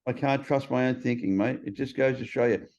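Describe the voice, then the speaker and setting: A man's voice: medium pitch, a little fast, darkish tone. A man in casual conversation, speaking bluntly and swearing freely as he acts out other people's voices. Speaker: podcast host. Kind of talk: casual chat. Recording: slightly dull lo-fi sound.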